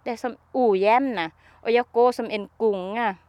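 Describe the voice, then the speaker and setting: A woman being interviewed, recounting a personal experience in halting, simple sentences with frequent restarts. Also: fairly high pitch, no room sound, highs cut off.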